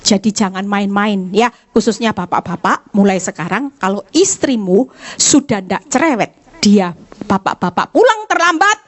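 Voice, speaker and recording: A woman evangelist, preaching a lively church sermon, reading scripture aloud and acting out tearful prayers of congregants. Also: moderate pace. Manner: animated, mimics congregants in high, tearful voices; addresses congregation directly, reads scripture aloud.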